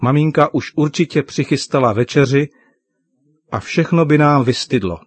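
A man voicing a kind father in a children's story, explaining things gently. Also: on the high side, husky, no echo.

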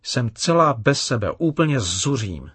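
A man voicing an upset young girl in a children's story, read with gentle emphasis. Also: medium pitch, sing-song, breathy edge, no echo, heavily acted.

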